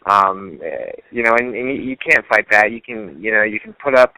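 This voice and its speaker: A man speaking earnestly as a fighter guest on a podcast. His voice is bright and forceful, and it keeps stopping on "you know". The sound is very dry. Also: fairly low pitch, moderate pace, no room sound, rough recording. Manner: earnest, many you-knows and restarts. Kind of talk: casual interview.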